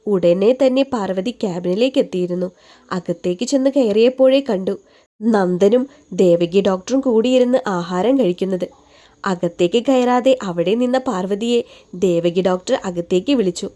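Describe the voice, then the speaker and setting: A woman narrating a romantic audio novel in an even, measured storytelling way. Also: medium pitch.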